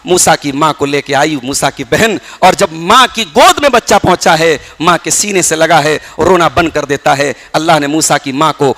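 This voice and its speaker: A man's voice: a little high, hardly any pauses, a bit bright. A man preaching a sermon as an Islamic preacher, telling stories with passion and reciting Arabic verses. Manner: impassioned storytelling with Arabic recitation. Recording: long hall reverb.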